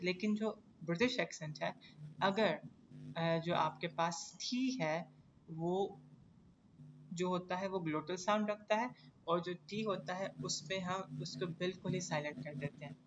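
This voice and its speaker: A man with a Pakistani accent teaching a live English class, explaining slowly and deliberately. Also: high-pitched, a bit bright, dull audio, a little hiss or hum. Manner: slow, deliberate, stretching English phrases.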